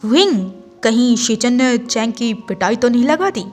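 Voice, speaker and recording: A woman's voice: on the high side, expressive, unhurried, faint music behind. A woman voicing a middle-aged father who jokes lightly. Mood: amused. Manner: light, teasing.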